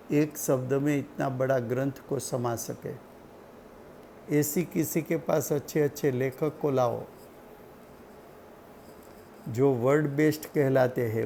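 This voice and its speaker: Slow, gravelly man teaching scripture. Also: medium pitch, warm tone, slight background noise. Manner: slow, deliberate teaching with repetition. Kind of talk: religious study lecture.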